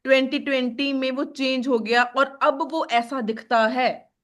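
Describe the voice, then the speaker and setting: A woman's voice: high voice, fairly even intonation, measured pace, fairly bright tone. Woman teaching in Hindi-English mix. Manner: mixes Hindi and English, quizzes the student. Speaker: IELTS teacher. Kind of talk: live classroom lesson.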